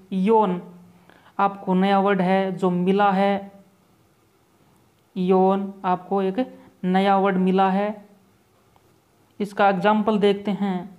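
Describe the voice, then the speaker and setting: This man's voice is high with a darkish tone as he leads a vocabulary lesson for exam preparation. He explains every word at a slow pace, repeats key points, and mixes English terms into his Hindi.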